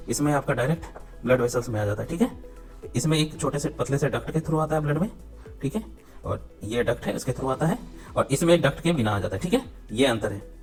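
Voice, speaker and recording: A male exam-prep teacher talks fast while explaining a biology lesson to exam students, speaking Hindi mixed with English terms. His medium-pitched voice is a little mellow, and he repeats points, frequently ending phrases with checks for understanding.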